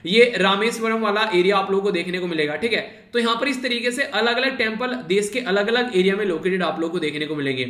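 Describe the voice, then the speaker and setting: A man's voice: sits high, fast, few pauses, pushed and bright, reverberant. A man teaching a current affairs lecture for exam students in a conversational way, often repeating filler words and addressing the students directly.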